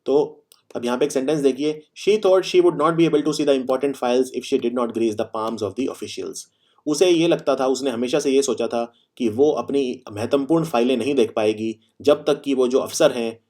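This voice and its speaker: A man teaches vocabulary in a Hindi lesson. His voice sits at a middle pitch, and he leans on everyday examples and repeated phrases. He slows down and stresses each word when he reads sentences. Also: a little mellow. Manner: reads English example sentences slowly and deliberately.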